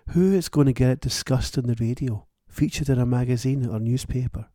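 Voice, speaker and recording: An author who hosts his own podcast delivers a wry, plain-spoken and thoughtful solo monologue. His voice is medium-pitched, dark in tone and fairly quick, recorded in studio quality with no room sound.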